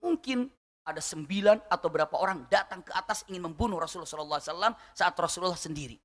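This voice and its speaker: A man preaching a sermon, telling a story with lively questions to the audience. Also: high voice, very fast, in a large hall.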